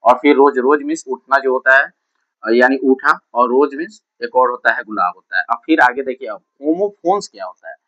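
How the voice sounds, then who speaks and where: A man teaches vocabulary in the manner of a classroom lesson. His voice is mid-pitched. He keeps asking his own questions and answering them, going over each point several times. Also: lively intonation, normal speed, sharp tone, lo-fi sound. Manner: repeats questions and answers them himself, drilling key points. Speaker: English tutor. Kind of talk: classroom-style lesson explaining English words.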